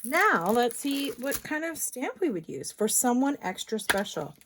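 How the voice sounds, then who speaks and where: A woman's voice: on the high side, sing-song, measured pace, a little hiss or hum. A woman demonstrating a card-making technique in a chatty tutorial, thinking aloud as she works. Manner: chatty, thinks aloud, drops into soft asides. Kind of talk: crafting tutorial.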